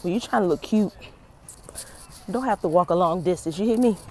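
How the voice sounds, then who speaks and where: A woman's voice: lowish voice, brisk, darkish tone. A woman vlogging casually on her phone while walking outside, talking straight to her viewers, chatty and folksy, and out of breath. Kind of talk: casual vlog talk to camera. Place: outdoors, walking near traffic at night. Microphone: handheld phone. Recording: faint outdoor traffic noise.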